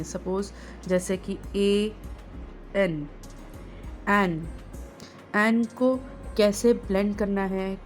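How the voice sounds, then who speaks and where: A woman teaching parents phonics, drawing out each letter sound slowly and patiently as she explains how to blend them. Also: mid-range voice, a little mellow. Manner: slow, drawn-out sounding of letters. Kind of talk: home phonics lesson.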